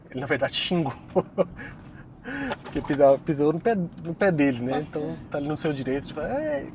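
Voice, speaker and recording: A man from Brazil giving casual advice as a co-host, chatty and relaxed, laughing often as he talks. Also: medium pitch. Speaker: co-host, Korean teacher. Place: inside a moving car. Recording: faint car noise. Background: faint vehicle noise.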